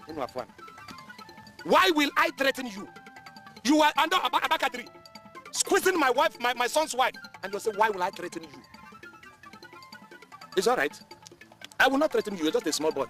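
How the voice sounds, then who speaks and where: A blustering Nigerian chief, proud and scornful, scolding with theatrical mockery in a high, lively voice. His pitch leaps up and down over faint music on a film soundtrack. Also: brisk, pauses often, heavily acted. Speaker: Chief Nwadike, a wealthy father. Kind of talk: Nollywood film acting.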